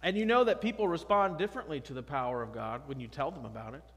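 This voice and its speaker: Speaking fast in a slightly high voice, a pastor in his thirties preaches a conversational, emphatic sermon. He's at the pulpit in a church sanctuary, captured by the pulpit mic and a distant camera, with long church reverb.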